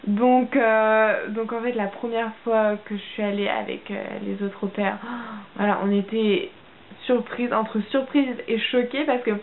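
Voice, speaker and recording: A woman's voice: fairly high pitch, steady tone, a little slow. A young woman from France chatting casually to camera as a vlogger, hesitant and full of fillers and restarts. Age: young adult. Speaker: au pair vlogger. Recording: tinny phone-like audio with faint hiss.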